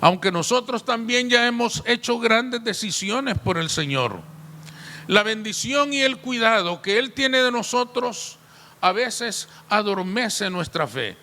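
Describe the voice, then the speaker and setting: High-voiced man preaching in a hall. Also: lively intonation, a little slow, bright, forceful tone. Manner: preaching with rhetorical questions and repetition. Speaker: pastor. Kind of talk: sermon. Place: church.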